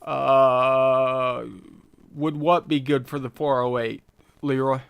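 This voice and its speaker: A man hosts a casual engine-tuning livestream, reading chat questions aloud and mulling over answers with frequent fillers. His mid-range voice is level and slow, clean and a bit bright, with some vocal fry.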